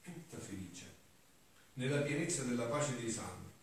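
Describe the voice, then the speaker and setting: Friar preaching a homily in an echoey church. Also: male voice, mid-range voice, expressive, normal speed. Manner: earnest, swings between soft musing asides and raised emphatic declarations. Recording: distant echoey church recording with hiss.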